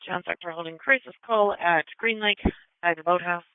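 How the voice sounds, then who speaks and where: A man's voice: high-pitched, normal speed, clean tone, no echo. A male police dispatcher giving clipped, formal calls over a police radio transmission. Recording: tinny, narrow radio band.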